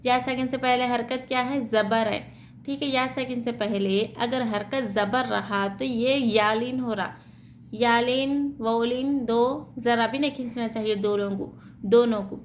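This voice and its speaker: A woman teaching tajweed, spelling out letters slowly and explaining the reading rules, checking in with "theek hai" as she goes. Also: fairly high pitch, fairly even intonation, a little hiss or hum. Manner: slow, drawn-out syllable-by-syllable spelling.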